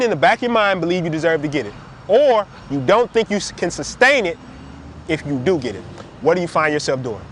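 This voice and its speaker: A man giving an emphatic, animated motivational talk straight to camera. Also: a little hiss or hum. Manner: animated, emphatic, swings between high and low. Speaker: motivational speaker.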